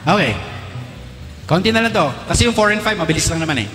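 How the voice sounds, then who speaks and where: Teasing Filipino priest in an echoey church. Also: male voice, high-pitched, expressive, a bit bright. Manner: teasing, quizzes the crowd with rapid questions. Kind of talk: lively homily to a congregation. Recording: echoey church with long reverb, faint music.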